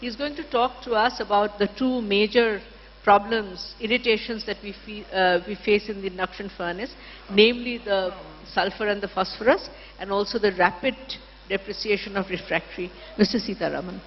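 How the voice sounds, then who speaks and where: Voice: medium pitch, steady tone, normal speed. A session chair making formal introductions at a conference. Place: large conference hall. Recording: dull hall microphone, long reverb.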